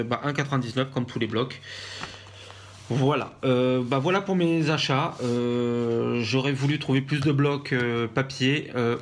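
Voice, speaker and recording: A man from France with a French accent, chatting casually in a craft haul vlog and pausing often with fillers and restarts. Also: medium pitch, slight background noise. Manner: hesitant, many fillers and restarts. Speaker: vlogger.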